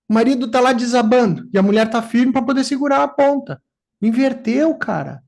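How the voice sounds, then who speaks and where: A man in his forties with a gaúcho accent from southern Brazil, telling personal stories in casual talk and acting out quotes. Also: high-pitched. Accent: Gaúcho Portuguese. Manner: storytelling, animated, acts out quotes. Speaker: neuropsychoanalyst.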